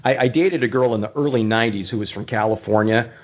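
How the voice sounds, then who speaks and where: A man's voice: on the low side, quick pace. A man co-hosting a radio talk show, joking casually and laughing often. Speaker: co-host. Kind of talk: casual chat. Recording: tinny phone-like line.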